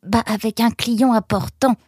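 Une femme qui joue une renarde servante timide. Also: female voice, a little high, fairly even intonation, a little slow, darkish tone, slightly rough, no echo, studio quality, pitched above the performer's own voice. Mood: timid. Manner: hesitant, stammering, almost inaudible. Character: tall thin timid vixen servant.

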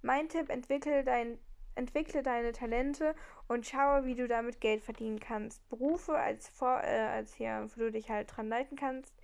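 A woman chatting casually and playfully as she answers a quick word quiz. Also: a little high, steady tone, creaky, darkish tone. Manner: playful, quick to laugh and ask "what?". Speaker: quiz participant. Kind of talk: casual chat. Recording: call audio, hard to hear.

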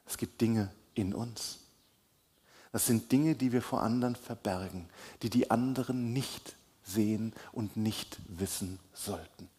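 Male pastor, sermon; husky, unhurried delivery that swells for emphasis and sinks to a hush. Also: fairly low pitch. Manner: slow, deliberate delivery with emphatic rises and soft drops. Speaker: preacher.

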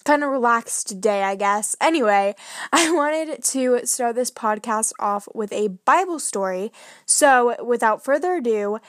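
A woman with a high, light voice hosts a relaxed faith podcast, reading scripture aloud and then retelling it with earnest wonder. She takes her time over every phrase, and the sound is close and dry with no room around it. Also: measured pace, no room sound. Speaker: podcast host.

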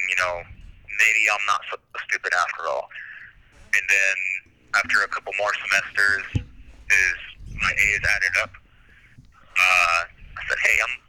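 A man calling in on a prison phone line as an incarcerated student, talking in a halting way with many ums and repeats. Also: fairly low pitch, bright, forceful tone. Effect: heard over a prison phone line.

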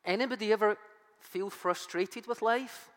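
Sitting high in pitch with a fairly bright tone, this pastor's voice moves at a moderate pace through a sermon, though it's strained and nearly gone. He's chatty and self-mocking, recorded in a church hall with long reverb and faint background music.

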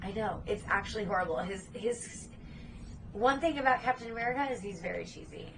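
A woman co-hosting a podcast, recapping a movie in excited casual chat, swearing freely and acting out lines. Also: medium pitch, a little fast, background noise. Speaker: podcast co-host.

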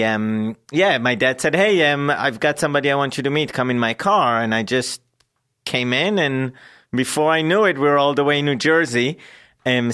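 Earnest man from Israel, halting speech. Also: mid-range voice, bright, forceful tone, clean tone. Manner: earnest, halting, many fillers. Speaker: guest. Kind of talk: telling his life story in an interview.

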